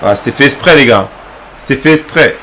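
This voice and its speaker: Exasperated French streamer groaning at a game. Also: male voice, medium pitch, expressive, fairly quick, pushed and bright, slight background noise. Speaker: gaming streamer. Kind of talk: live gameplay commentary.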